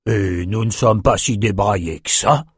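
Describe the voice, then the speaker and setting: Man reading as a prickly aging prophet, lower and slower, dry storybook read. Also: breathy edge, no echo. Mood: indignant. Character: touchy aging prophet, easily offended.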